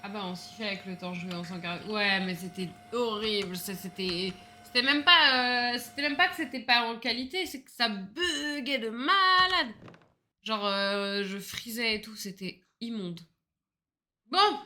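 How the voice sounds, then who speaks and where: A woman's voice: medium pitch, lively intonation, normal speed, bright, forceful tone. A woman streaming a game, chatting casually in a rambling, self-mocking way, laughing often and swearing freely. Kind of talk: casual gaming livestream chat.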